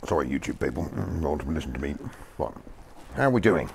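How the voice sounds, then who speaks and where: A man's voice: a bass voice, animated, fast talker, vocal fry, a little mellow, slight background noise. A man hosting a car-repair video, chatting and joking as he works in a workshop. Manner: chatty, jokey, thinking aloud. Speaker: channel host. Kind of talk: casual workshop chat. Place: garage workshop.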